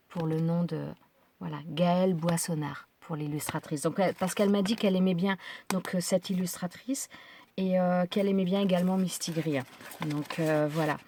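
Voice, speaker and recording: A woman's voice: lowish voice, darkish tone, slight background noise. A woman with a French accent chatting casually while unboxing crafts, hesitant with many fillers and restarts. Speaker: crafting vlogger.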